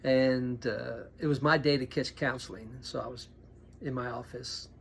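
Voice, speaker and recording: Man, middle-aged, pastor, storytelling, animated, near whisper at times, faint hum. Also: mid-range voice, moderate pace, creaky. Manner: animated, acts out quoted voices, drops to a near whisper at tense moments. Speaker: pastor telling personal stories. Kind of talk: storytelling monologue.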